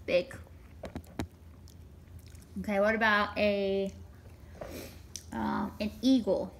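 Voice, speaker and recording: A woman patiently coaxing a small child at home, asking simple questions in a gentle, sing-song way and prompting the child to repeat words after her. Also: mid-range voice, flat delivery, extremely slow, gravelly, a little hiss or hum. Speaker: caregiver teaching a toddler. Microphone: hidden camera.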